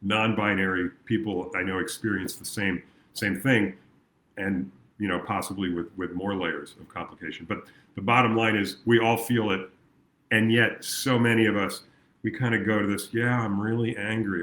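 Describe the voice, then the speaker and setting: A man's voice: fairly low pitch, fairly even intonation, normal speed, fairly bright tone. A man speaking as a coach in an earnest talk to camera, now and then acting out his clients' voices. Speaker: progress coach. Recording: echoey room.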